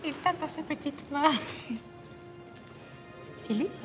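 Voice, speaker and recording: A woman's voice: sits high, slow, over music. An actress playing a doting expectant young woman in a film comedy, speaking in a playful sing-song way.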